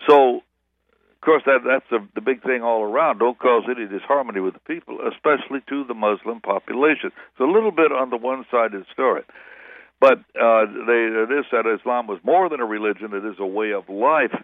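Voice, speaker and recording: A man's voice: medium pitch, fairly quick, no room sound. A man, a pastor as guest, talking in a rambling, self-correcting way in a radio interview by phone. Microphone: telephone. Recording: tinny, dry phone line.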